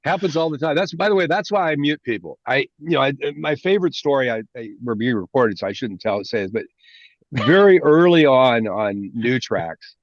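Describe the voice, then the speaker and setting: A man's voice: mid-range voice, animated, moderate pace, no echo. A man hosts a casual hobby meetup over a video call, wandering through anecdotes with plenty of restarts. His call audio is dull and lo-fi, and the sound is completely dry. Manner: chatty storyteller, frequent restarts. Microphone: video call microphone.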